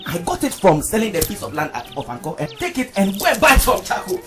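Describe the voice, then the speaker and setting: A woman's voice: mid-range voice, huge pitch swings, fast talker, music in the background. A woman with a Ghanaian English accent playing a teasing friend of the veterans who often laughs while talking.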